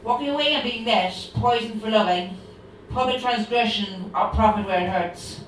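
A woman recites her poem line by line, in a steady and declamatory manner. She is heard from afar in a room full of echo, with a faint hiss. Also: a little high, normal speed. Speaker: poet reading her work. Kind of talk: poetry reading. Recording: distant, very echoey room.

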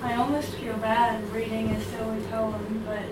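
A woman's voice: fairly high pitch, flat delivery, moderate pace. A woman reading her own light poem, wry and self-deprecating, shifting between character voices. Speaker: poet reading her work. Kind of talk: poetry reading. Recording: distant, echoey room with hiss.

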